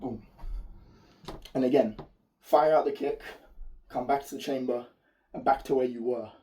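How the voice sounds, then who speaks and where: Guy losing his voice, hoarse and soft-edged, explaining fight moves casually, mic is far off. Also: medium pitch, fairly even intonation, normal speed, slight background noise. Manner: informal, explanatory, occasional swearing. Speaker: martial arts instructor. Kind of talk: spoken technique tutorial with demonstration. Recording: distant mic.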